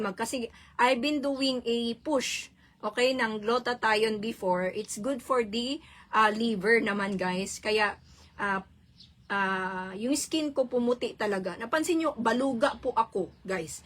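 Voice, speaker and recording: A chatty Filipina with a Visayan accent, talking casually on a phone live stream. Her voice sits a little high, and she laughs often. She slips freely between languages. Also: slight background noise. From Philippines. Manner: chatty, laughs often, mixes Tagalog, Cebuano and English.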